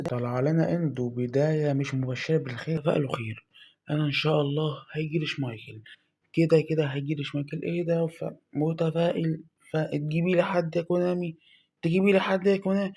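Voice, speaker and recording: A young man with an Egyptian Arabic accent chats excitedly through pack openings, pleading with the game for luck. His voice sits a bit high but has a dark, mellow tone. He keeps it fairly quiet because it is night. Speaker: gaming YouTuber.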